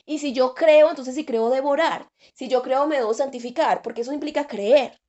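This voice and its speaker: High-voiced woman preaching. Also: a little fast, warm tone, dull audio. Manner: earnest, repeats key phrases for emphasis. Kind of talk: sermon.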